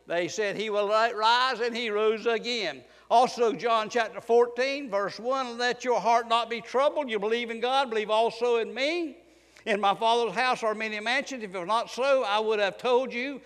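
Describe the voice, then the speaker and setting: A man preaching a fervent sermon in church, swinging between quiet and loud passages. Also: very high voice, normal speed, long reverb tail. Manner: fervent preaching, rising and falling in volume. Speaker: pastor.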